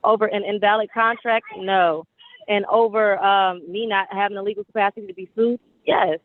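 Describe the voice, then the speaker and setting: A woman's voice: mid-range voice, fairly even intonation, normal speed, no echo. Woman, clipped phone line, tinny and dry, insistent, legalistic, calling into court. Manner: insistent, legalistic, repeats her claims. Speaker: tenant defendant appearing remotely. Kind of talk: arguing in a court hearing.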